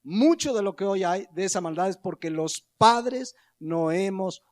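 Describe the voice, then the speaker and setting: A man's voice: high-pitched, lively intonation, measured pace, a little mellow. A man with a Mexican accent preaching a sermon as pastor, conversational and often putting questions to the congregation.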